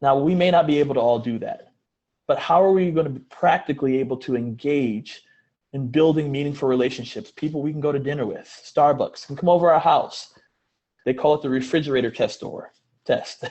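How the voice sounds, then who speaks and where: A man's voice: mid-range voice, darkish tone, muffled recording. A man presenting a webinar, speaking earnestly, posing questions to a panel and often restarting his phrases.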